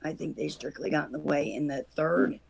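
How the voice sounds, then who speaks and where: A woman with a hoarse, raspy voice, chatting casually as a call-in guest on a panel. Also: deep voice, fairly quick, a loud crowd. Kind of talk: casual chat. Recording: noisy call-in connection.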